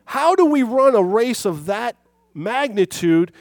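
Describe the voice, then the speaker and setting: A man delivers an evening church sermon in a high-pitched voice. He sounds over-caffeinated and wound up, repeating phrases for emphasis. The sound is fairly dry, with little echo. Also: lively intonation, a little slow. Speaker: preacher. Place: church, speaking to congregation.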